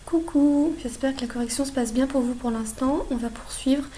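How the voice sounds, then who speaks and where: A woman's voice: sits high, fairly even intonation, moderate pace, dark tone. A young woman with a French accent correcting exam questions as a student tutor, explaining steadily with memory tricks. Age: young adult.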